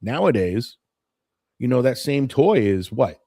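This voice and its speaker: Very animated yet measured in pace, this man's mellow, mid-range voice comes through in studio quality without echo. He's in his late forties, hosting a morning stream and reminiscing in a loose, wandering chat with viewers about how things have changed.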